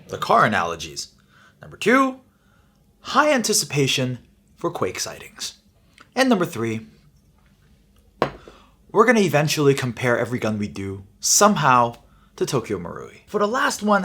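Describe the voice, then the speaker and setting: A man's voice: mid-range voice, fairly bright tone, breathy edge. A man presenting an airsoft product review in a chatty, jokey way, talking straight to his viewers.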